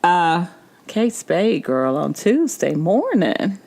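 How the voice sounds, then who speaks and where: An easygoing woman co-host in casual chat who steers the talk from topic to topic. Her voice sits a little low and she laughs often. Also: big pitch swings, slow pace, creaky, darkish tone.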